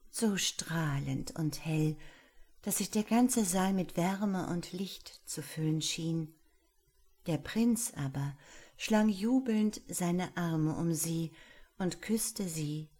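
A woman reading a fairy tale aloud, gentle and at times hushed. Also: fairly low pitch, slightly rough. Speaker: storyteller.

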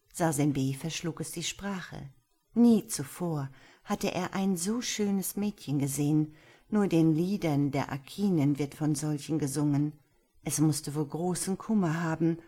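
A woman narrating a fairy tale in a measured, expressive storytelling manner. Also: deep voice. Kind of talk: audiobook fairy-tale reading.

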